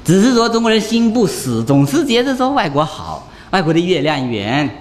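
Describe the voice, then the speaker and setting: A man's voice: high voice, big pitch swings, moderate pace, a little hiss or hum. A man, a Buddhist monk, giving a conversational dharma lecture, talking in a chatty way and often tossing rhetorical questions to his listeners.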